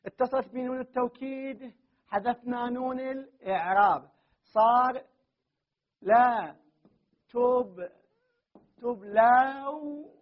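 A man teaches a grammar class in a very high, husky voice. He chants word forms one after another and keeps asking his students whether they follow. The recording is dull and lo-fi. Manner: drills word forms aloud, often checks with students.

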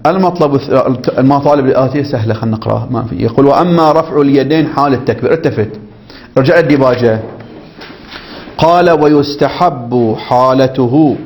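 A male teacher leads a jurisprudence lesson at a brisk pace, reading a passage and then unpacking it for his students. He keeps pausing to check that they follow and acts out phrases in several ways to show the difference. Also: medium pitch, a little mellow. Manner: explanatory, keeps checking understanding with the class. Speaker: religious teacher.

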